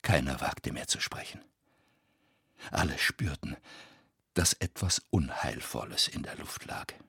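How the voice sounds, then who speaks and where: A man reading a dark story aloud in a measured, suspenseful narration with a husky voice. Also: rumbling low, no room sound, studio quality. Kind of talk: scripted audiobook narration.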